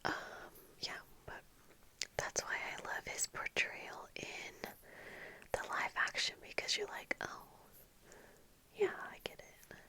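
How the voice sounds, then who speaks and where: An ASMR video creator, a young adult woman, whispers breathily and very close to the mic throughout, slow and halting as if chatting while getting ready. Her whisper has a very bright, sharp edge. She's in a small room at home with bookshelves, earphones on, a fluffy-covered microphone close in front of her.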